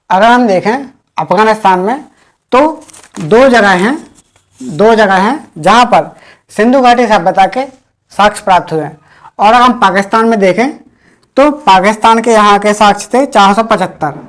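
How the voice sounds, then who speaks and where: A woman teaching an exam-prep history class, repeating key points slowly and quizzing the listeners. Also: medium pitch.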